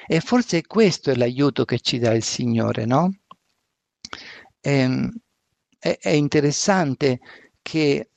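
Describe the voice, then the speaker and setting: A man preaching a sermon and reading scripture aloud, reflective and asking rhetorical questions, with a gravelly voice. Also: fairly high pitch, dry recording.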